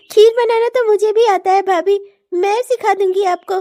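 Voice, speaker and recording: A woman's voice: extremely high pitch, fairly even intonation, slow pace, dark tone, dry recording, clean studio sound. A woman voicing a bratty teenage sister-in-law in a comic cartoon, teasing and sarcastic with frequent giggles.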